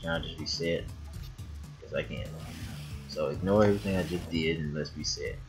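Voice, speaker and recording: Very deep-voiced man doing game commentary. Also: moderate pace. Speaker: gaming video host. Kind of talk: casual let's play commentary. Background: game music.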